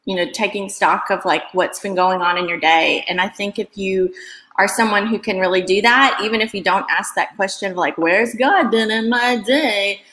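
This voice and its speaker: A woman's voice: medium pitch, fairly even intonation, brisk, bright, forceful tone. Roomy-sounding woman musing on faith. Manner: thoughtful, rambling, laughs easily. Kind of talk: casual faith chat. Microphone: video call. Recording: roomy echo.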